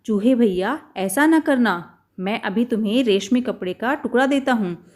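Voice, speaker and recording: A woman's voice: on the high side, lively intonation, moderate pace. A woman voicing an irritable male shopkeeper in a children's storybook reading, shooing away a customer. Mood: scared. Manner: dismissive, then pleading.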